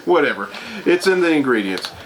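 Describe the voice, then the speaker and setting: A man's voice: a little high, big pitch swings, fairly quick. A man giving a casual taste-test review as host, rambling and thinking aloud. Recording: clearly noisy room ambience.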